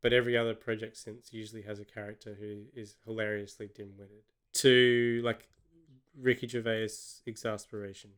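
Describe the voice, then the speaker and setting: A man's voice: lowish voice, flat delivery, moderate pace, a bit bright, clean tone. A man with an Australian accent, co-hosting a casual film review chat and picking apart a movie in a sardonic, rambling way. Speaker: podcast co-host.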